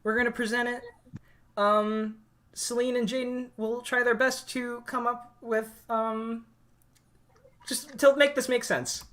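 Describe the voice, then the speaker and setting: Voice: medium pitch, flat delivery, a little slow, a bit bright. A livestream host rambling through technical setup with lots of fillers before running an improv game. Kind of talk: casual livestream hosting.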